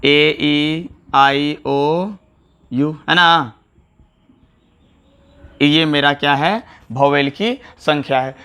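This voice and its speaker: A man's voice: a little high, extremely slow, pauses often, pushed and bright, clean tone. A man teaching English grammar on a whiteboard. He repeats key words and puts rhetorical questions to his students. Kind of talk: classroom lecture to camera. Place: classroom with a whiteboard.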